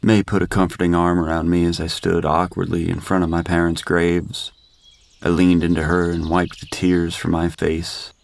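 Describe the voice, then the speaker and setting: A man narrating a first-person horror story in a steady, grim manner. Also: sits low, moderate pace, vocal fry.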